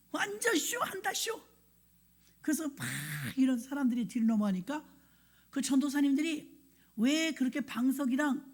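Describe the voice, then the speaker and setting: A woman pastor giving a sermon, telling a personal story and acting out scenes and her own thoughts. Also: high voice. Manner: animated, acts out scenes and quoted thoughts. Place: church sanctuary.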